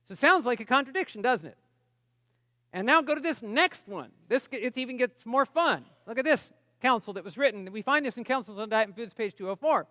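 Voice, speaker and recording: A man's voice: very high-pitched, expressive, brisk, pushed and bright, no room sound, studio quality, long reverb tail. A man preaching a sermon at a camp meeting, talking in a conversational, emphatic way and putting questions to the audience. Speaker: pastor.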